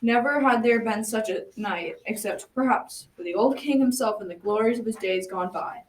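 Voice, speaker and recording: With a fairly high, natural voice at a moderate pace, a young teenage girl portrays a folksy old grandfather telling his grandchildren a story. It's scripted storytelling for a school radio drama, recorded on a distant mic with clear background noise.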